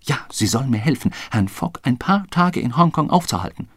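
A man voicing a scheming male detective who presses his case in a hushed, conspiratorial way, in a husky, dry reading. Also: mid-range voice, big pitch swings, brisk, no room sound, pitched above the performer's own voice. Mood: insistent. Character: scheming insistent male police detective, adult.

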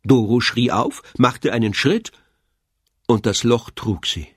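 Male narrator, audiobook, husky, gravelly, animated pitch, dry recording. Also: slow pace, no echo. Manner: expressive storytelling.

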